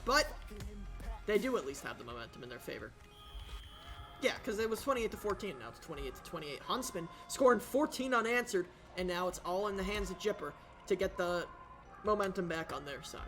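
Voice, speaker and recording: A man calling a video game football match play by play, casual and excitable, his voice jumping up on big plays. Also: high voice, fairly quick, soft background music. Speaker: play-by-play commentator. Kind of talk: esports football commentary.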